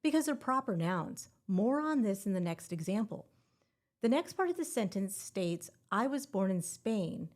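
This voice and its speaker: A woman's voice: medium pitch, big pitch swings, moderate pace, a little mellow. Playful woman hosting a teaching podcast. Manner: playful, upbeat, punny. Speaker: podcast host, exam prep teacher. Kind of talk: scripted educational podcast.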